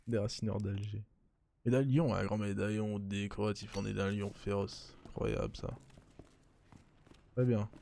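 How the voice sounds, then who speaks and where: A young French streamer gives laid-back commentary on a horror game, muttering to himself and cracking jokes. His voice is lowish, gravelly, and warm with a steady tone, and a slight hiss or hum sits under it.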